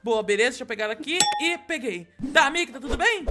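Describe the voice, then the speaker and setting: A young man hosting a playful Minecraft roleplay, excitable and laughing, with panicky yelps, talking over a voice call. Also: extremely high pitch, quick pace, loud music behind the voice. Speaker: roleplay host.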